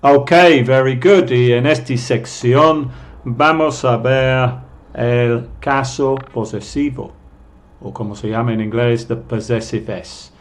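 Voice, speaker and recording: Male English teacher, very slow deliberate delivery, word then translation, mid-pitched. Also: fairly even intonation. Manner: says each English word slowly, then gives the Spanish meaning. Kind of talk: slow vocabulary lesson for Spanish speakers.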